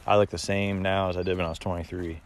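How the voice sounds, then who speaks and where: Talking quickly in a low, fairly flat voice, an American man in his thirties chats casually on a livestream through a phone held at arm's length. He's laid-back and rambling, out in open rural countryside, and the outdoor phone recording picks up ambient noise.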